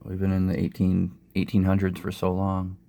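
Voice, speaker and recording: A male gaming host speaks in a very low, gravelly voice, worn by a sore throat and a cold. His delivery is low-energy and unhurried as he casually narrates results from a simulated golf tournament. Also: monotone, mellow. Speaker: host of a sports gaming channel.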